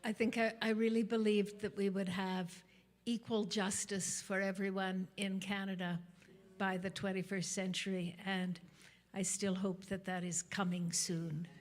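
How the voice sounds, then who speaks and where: A woman sharing an earnest hope in a steady, even delivery. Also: mid-range voice, measured pace.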